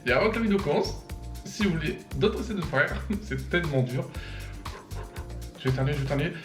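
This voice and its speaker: A man's voice: on the high side, fast, over music. A young man hosting a reaction video, reading captions aloud and joking about them with lots of laughter. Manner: animated, laughs often, reads captions aloud then mocks them. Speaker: YouTuber host. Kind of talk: casual reaction commentary. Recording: echoey room.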